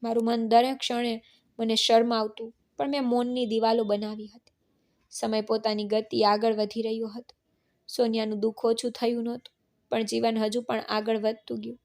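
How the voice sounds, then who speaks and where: Woman reading a story out, kinda high voice, gravelly, flat even delivery. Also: normal speed. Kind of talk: scripted story narration.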